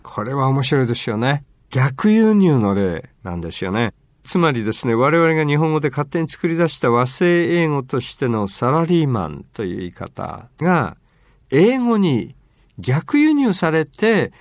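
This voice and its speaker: A man's voice: mid-range voice, measured pace, no room sound, clean studio sound. A man co-hosting a casual bilingual talk about language, chatty, with lots of fillers and playful asides. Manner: lively, lots of rhetorical fillers and playful quoted voices. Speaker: co-host explaining language.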